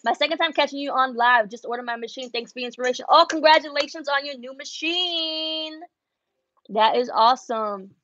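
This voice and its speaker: Her voice is high-pitched and fairly bright, moving a little fast. She's a young woman and embroidery business vlogger, originally a Spanish speaker, switching between English and Spanish as she chats casually on a livestream inside her embroidery studio. Captured on wireless earbuds, the audio is dry and lo-fi.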